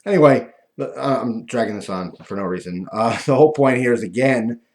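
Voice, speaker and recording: A man talking casually and ramblingly to viewers, with a lispy voice from missing front teeth that softens his F and V sounds. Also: medium pitch, animated, fairly quick. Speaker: video host.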